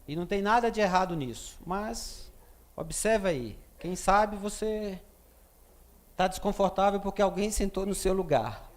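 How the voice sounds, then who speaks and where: A man preaching a sermon as a pastor, telling a story with a Brazilian Portuguese accent and acting out the dialogue, at times loud and at times hushed. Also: high-pitched, unhurried.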